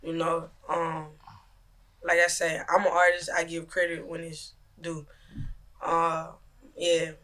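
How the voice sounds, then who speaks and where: A man's voice: fairly high pitch, completely flat delivery, slow pace, long pauses, sharp tone. An American man, a music artist, chatting casually in slangy speech and often checking he is understood. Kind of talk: casual chat.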